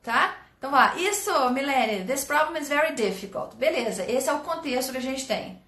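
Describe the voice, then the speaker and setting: A fairly high-voiced woman from Brazil teaches a live English lesson online, lively and encouraging as she reads out viewers' sentences. Her voice rings in an echoey room. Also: moderate pace.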